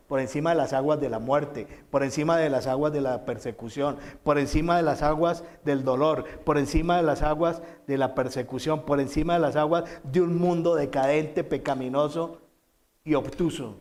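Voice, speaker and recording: Emphatic Spanish-speaking pastor preaching. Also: male voice. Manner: emphatic preaching with repeated phrases and dramatic quotes; swings between loud quoted lines and soft low asides. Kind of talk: sermon.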